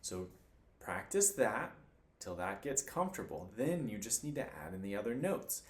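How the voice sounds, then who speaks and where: A man's voice: on the low side, sing-song, normal speed, loud music behind the voice. A man teaching cello in a patient, encouraging way, counting beats aloud as he demonstrates. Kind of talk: instructional demonstration. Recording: roomy room with faint noise.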